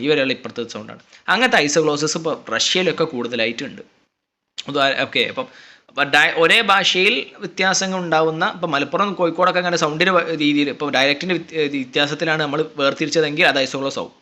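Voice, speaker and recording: A male tutor talks through a lesson at a rapid clip. His voice sits a little high and sounds bright and pushed forward. He keeps a chatty, explaining manner and mixes terms into his talk. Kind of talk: lecture explaining slides.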